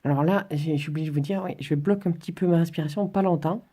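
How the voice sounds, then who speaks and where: A woman's voice: low voice, fast talker, mellow, husky. A woman instructor giving an informal drawing and relaxation tutorial, demonstrating as she talks in a hesitant, stop-and-start way. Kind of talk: informal spoken tutorial, demonstrating while talking.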